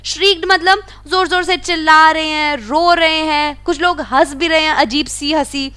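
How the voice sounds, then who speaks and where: High-voiced woman teaching a textbook lesson. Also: fairly even intonation, pushed and bright. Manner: reads English lines slowly, then explains them in Hindi. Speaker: English teacher. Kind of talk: explaining a textbook lesson in Hindi.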